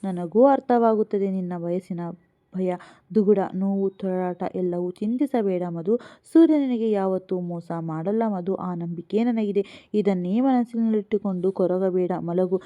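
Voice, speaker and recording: A woman reading the lines of a protective, sharp-tongued mother-in-law who scolds and soothes by turns. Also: mid-range voice, normal speed, no room sound, natural voice. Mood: soothing. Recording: phone-like narrow sound.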